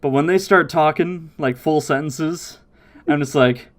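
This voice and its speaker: A man hosting a casual podcast, recapping episodes in an animated way and slipping into impressions of the characters. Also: a little high, unhurried. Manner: animated, mimics characters' voices while recapping. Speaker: podcast host.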